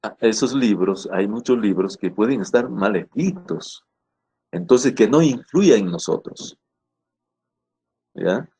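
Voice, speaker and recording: A man with a low, husky voice gives a lesson on spelling rules. He speaks in a hesitant, repeating way, filling pauses with "eh". He often turns to his students to check that they follow. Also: lively intonation, dark tone. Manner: checks in with frequent "¿no?" and "¿ya?"; hesitant, repeats words with "eh" fillers. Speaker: language teacher.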